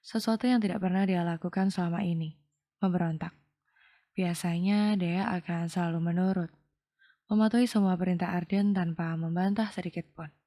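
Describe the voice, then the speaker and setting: A woman tells a romance story aloud in a calm, measured way. Her voice sits low, with a dark, warm tone. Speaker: narrator. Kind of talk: scripted audio novel narration.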